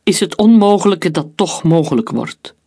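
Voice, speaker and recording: A storyteller speaks as a grim young man in a read-aloud story. He talks gravely and quietly, close to the narrator's own voice. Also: mid-range voice, animated, moderate pace.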